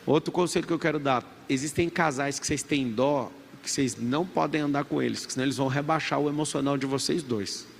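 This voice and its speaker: A man's voice: medium pitch, quick pace, vocal fry, few pauses. A man in his thirties with a Brazilian Portuguese accent giving an emphatic motivational talk to a live audience in a large event hall. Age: 30s. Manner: emphatic, preachy, has the crowd repeat after him. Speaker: motivational speaker. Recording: reverberant event hall with faint background noise.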